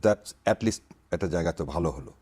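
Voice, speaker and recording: A man's voice: low-pitched, moderate pace, dark tone, breathy edge. A man speaking as a political guest on a talk show, greeting viewers formally and mocking opponents' wording. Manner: opens with formal greetings, mocks others' phrasing.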